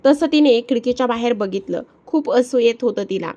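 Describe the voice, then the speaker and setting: A woman narrating a story calmly and evenly. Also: a little high, brisk, highs cut off. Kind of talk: scripted narration of a Marathi story.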